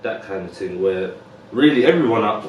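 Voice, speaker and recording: Deep-voiced London man, echoey room. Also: lively intonation, normal speed, far from the mic, muffled recording, slight background noise. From West London. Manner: laid-back street slang, many fillers. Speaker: guest. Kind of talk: casual interview.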